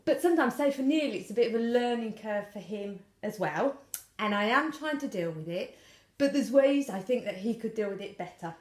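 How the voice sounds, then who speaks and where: A middle-aged woman co-hosting a casual chat, an animated storyteller who acts out the dialogue. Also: fairly high pitch, normal speed, echoey room. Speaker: podcast co-host.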